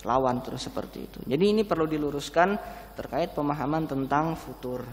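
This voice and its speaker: A man delivers an Islamic sermon through a face mask, a little short of breath. His voice sits on the high side and rings with long hall reverb. He explains points conversationally, posing questions to his listeners. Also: a little fast. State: slightly breathless. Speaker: preacher. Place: large mosque hall, indoors.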